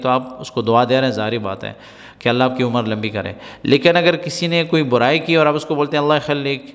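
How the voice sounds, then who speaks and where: A man teaching spoken Arabic in a lesson, explaining patiently, repeating words and checking that listeners follow. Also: medium pitch. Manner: patient, repetitive explaining with frequent "right?" checks. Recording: long hall reverb.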